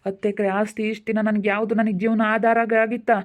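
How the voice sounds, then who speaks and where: A woman's voice: medium pitch, little pitch movement, a little fast, close to an everyday voice. A woman, acting a grieving middle-aged farm woman who keeps lamenting her lost land in a village family drama. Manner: lamenting, repetitive pleading speech.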